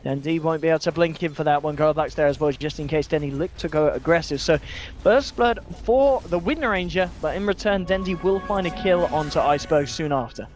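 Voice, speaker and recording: A man casting an esports match, giving quick play-by-play calls of the action. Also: a little high, faint music behind. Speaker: esports caster. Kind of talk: play-by-play commentary.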